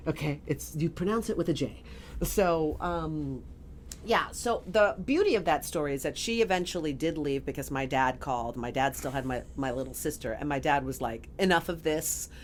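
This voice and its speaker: A middle-aged woman telling a story in a casual podcast interview, animated and often laughing as she acts out quoted voices. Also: low voice, moderate pace, a little hiss or hum. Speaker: guest.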